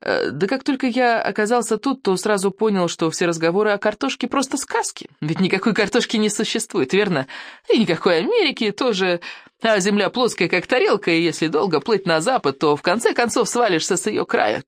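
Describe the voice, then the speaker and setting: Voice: medium pitch, expressive, brisk, no echo, clean studio sound, pitched above the performer's own voice, natural voice. A reader voicing a small, clever Viking boy in an audiobook, talking with polite, feigned carelessness. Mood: mock casual. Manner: feigned casual, polite, slightly timid. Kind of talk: audiobook character voice.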